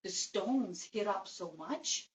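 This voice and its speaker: On a date, a Russian woman with a Russian accent chats casually and giggles often. Her medium-pitched voice is expressive and slow. The recording sounds echoey, with a distant mic and light noise.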